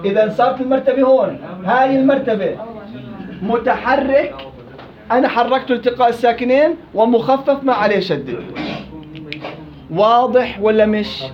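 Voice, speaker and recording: A man teaching Quran recitation rules, quizzing his students and repeating words slowly. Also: very high-pitched, dull audio. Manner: quizzing students, drawn-out slow repetitions. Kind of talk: interactive tajweed class.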